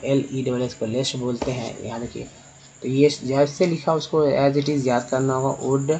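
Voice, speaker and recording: Spelling out words one letter at a time, a man works through an English reading lesson on slides, posing questions and answering them on his own. He has a mid-range, darkish voice, and the poor audio carries slight background noise.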